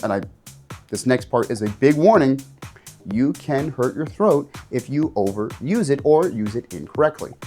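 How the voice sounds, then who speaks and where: A man, a game master, teaching tabletop players how to do voices in a casual instructional video, jumping his pitch up and down to demonstrate. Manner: animated, jumps pitch up and down to demonstrate.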